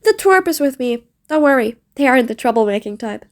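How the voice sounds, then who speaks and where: A woman voices a high-pitched female supervillain for an audio roleplay, delivering a stern warning with lively intonation at a fairly quick pace. The villain is bossy and sardonic, mean yet patient, her menace tinged with grudging fondness for whoever she's addressing.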